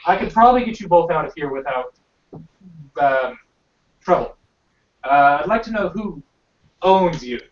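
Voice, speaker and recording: A man playing a tabletop game, talking in a polite, deliberate way. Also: on the high side, lively intonation. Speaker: player. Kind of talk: casual tabletop game talk. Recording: roomy, distant, dull amateur recording.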